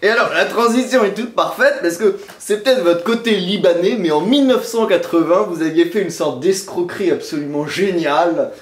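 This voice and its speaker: A man's voice: high-pitched, a little fast, hardly any pauses. A man hosting an interview, enthusiastically prompting his guest's stories. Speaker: host. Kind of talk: interview questions. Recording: roomy echo.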